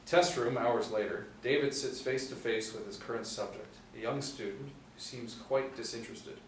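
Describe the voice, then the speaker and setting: Seated with a group in a small indoor room, a middle-aged man reads a screenplay's stage directions aloud at a moderate pace and medium pitch. A distant mic gives the recording a roomy quality and faint room noise.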